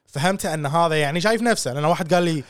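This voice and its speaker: Fast-talking man on a podcast. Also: fairly high pitch, no room sound. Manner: animated, mixes English phrases into talk. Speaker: podcast co-host. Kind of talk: casual podcast chat.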